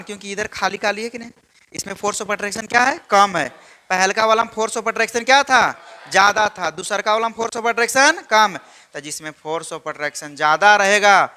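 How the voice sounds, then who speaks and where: A man's voice: high-pitched, pushed and bright. A man lecturing a chemistry class, constantly quizzing his students with repeated questions. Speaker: chemistry teacher.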